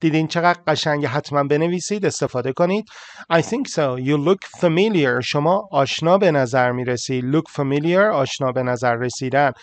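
A male English teacher explaining a listening lesson, saying English examples slowly and explaining them quickly. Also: fairly high pitch, no echo.

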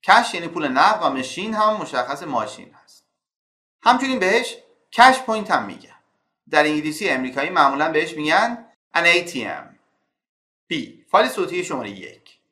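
A man teaching an English lesson who reads English phrases slowly and clearly, then explains them. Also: a little high, very animated, bright, forceful tone, echoey room. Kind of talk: language lesson explaining vocabulary and word stress.

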